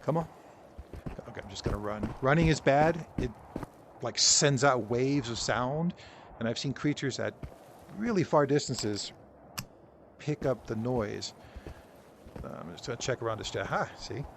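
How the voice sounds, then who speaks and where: A man's voice: medium pitch, expressive, measured pace, long pauses. A man giving casual, rambling VR gameplay commentary, joking and poking fun at himself, in a noisy recording. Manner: rambling, joking, self-deprecating. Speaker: VR game video creator.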